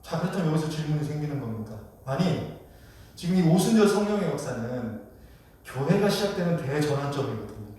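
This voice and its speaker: A man's voice: on the high side, very animated, fairly quick, darkish tone. Male pastor, sermon, questions to the congregation, distant mic, very echoey hall. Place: church sanctuary. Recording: echoey church hall from far off.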